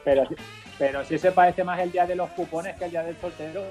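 A man's voice: high-pitched, steady tone, fast, darkish tone, faint music behind. A man co-hosting a casual radio chat over a phone connection, bantering and teasing. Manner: banters and teases. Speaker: radio co-host calling in from Valencia.

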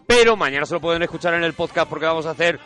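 A man's voice: fairly high pitch, very fast, pushed and bright. A man co-hosting a radio show, playful in casual banter. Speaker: radio co-host.

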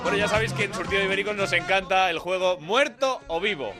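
A man's voice: high-pitched, fast talker. Joking male podcast host over music. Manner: jokey, laughs often. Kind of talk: casual comedic banter. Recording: clear music in background.

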